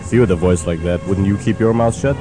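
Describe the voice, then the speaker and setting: A man's voice: low-pitched, quick pace, over music, lightly acted. A man playing a cranky, melodramatic mad scientist villain in a comic sci-fi parody, speaking sardonically. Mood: sardonic. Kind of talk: comic audio parody of a science fiction film.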